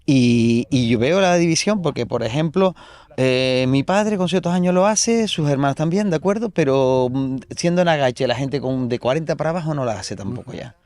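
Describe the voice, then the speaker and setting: A man with a Canarian Spanish accent, a podcast guest in relaxed conversation who reflects aloud and often repeats words while searching for them. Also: mid-range voice, moderate pace, no echo. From Canary Islands. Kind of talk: casual conversation.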